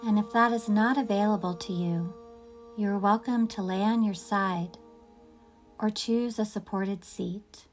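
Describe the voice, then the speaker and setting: Leading a yoga nidra session, a woman narrates a guided meditation at a very slow pace, with long pauses between phrases. Her medium-pitched voice stays steady, gentle and soothing. Faint music plays in the background.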